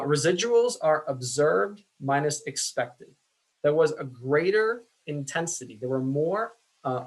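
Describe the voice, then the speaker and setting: A man teaching statistics in a casual, self-deprecating way, with many fillers, his voice going hoarse. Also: a little high, a bit bright, poor audio. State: losing his voice. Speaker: statistics instructor. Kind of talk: screen-share lecture.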